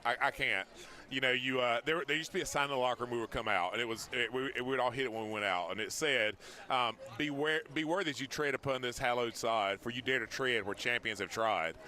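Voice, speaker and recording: A man from Georgia gives live sports commentary outdoors in a colloquial, animated storytelling way. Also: medium pitch, quick pace. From Wrightsville, Georgia, USA. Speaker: former football player, guest analyst. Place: outdoors at a parade.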